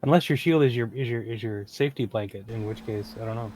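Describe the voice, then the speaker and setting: A man's voice: mid-range voice, fast talker, a little mellow, faint music behind. A man chatting casually as a player during a tabletop game.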